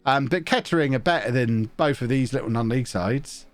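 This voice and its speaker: Over soft background music, a man with a medium pitch talks fairly quickly and casually on his live stream. He jokes, hums to himself and reads viewer messages aloud while playing a football management game, sounding a bit congested.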